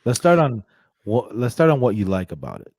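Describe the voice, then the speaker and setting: A middle-aged man from Armenia hosting a relaxed chat over a video call, talking casually with lots of fillers and restarts into a close studio mic. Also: mid-range voice, fairly quick, dry recording. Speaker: podcast host interviewing a photographer. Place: indoor room with leather couch, on a video call. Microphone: studio microphone close to the mouth.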